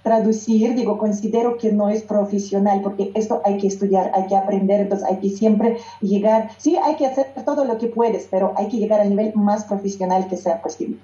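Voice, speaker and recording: A native Russian speaker with a Russian accent, a woman who sings and teaches music, speaks in an interview in a medium-pitched, steady, dark voice. She's brisk with few pauses, yet hesitant, often restarting and searching for words. The recording has a roomy echo and dull lo-fi sound.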